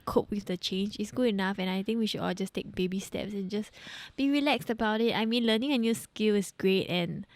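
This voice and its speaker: Casting: twenty-something woman, mid-pitched, bubbly and sincere, podcast co-host. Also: a little fast, few pauses, no echo. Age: 20s. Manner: cheerful, earnest, lots of "like" and giggles. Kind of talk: casual podcast chat. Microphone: studio podcast mic.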